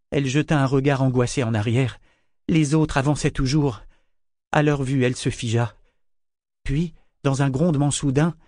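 A man narrating a fantasy audiobook in a measured, dramatic storytelling manner. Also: mid-range voice, a little mellow, dry recording, clean studio sound.

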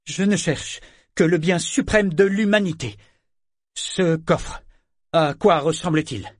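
A man's voice: fairly high pitch, slow, dry recording, voice pushed up. A man doing a theatrical, scheming priest. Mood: oily, pious. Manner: theatrical, falsely pious. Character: scheming wandering male priest, theatrical and unctuous.

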